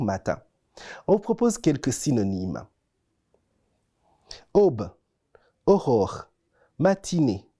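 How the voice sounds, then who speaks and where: A mellow, mid-range voice carries this scripted, explanatory lesson from an educational French-language TV segment. The presenter teaches didactically and stresses the key words.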